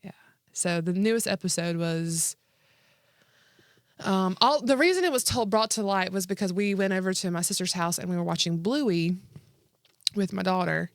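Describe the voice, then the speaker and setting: A woman in her thirties co-hosts a podcast, trading casual comedic chat candidly, full of slang and frequent filler "like." Her medium-pitched voice moves at normal speed with frequent pauses, and the recording is echo-free studio quality.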